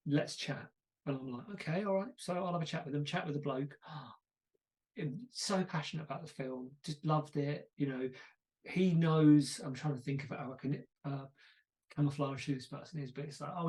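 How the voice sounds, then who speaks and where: A man's voice: fairly high pitch, darkish tone. A man hosting a podcast, chatting casually and telling stories with self-deprecating asides. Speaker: podcast host. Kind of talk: casual conversation.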